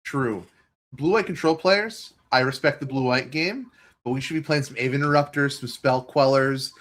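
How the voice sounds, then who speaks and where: A man co-hosting a podcast, trading quick quips and laughs during casual card game commentary. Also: mid-range voice, a bit bright.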